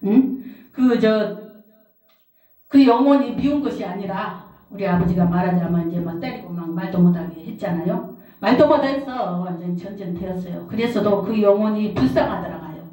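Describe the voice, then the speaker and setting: A woman's voice: medium pitch, normal speed, warm tone. A middle-aged woman, a pastor's wife, preaching a sermon and telling a personal testimony, repeating phrases for emphasis. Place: prayer house service hall. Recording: roomy hall, distant mic.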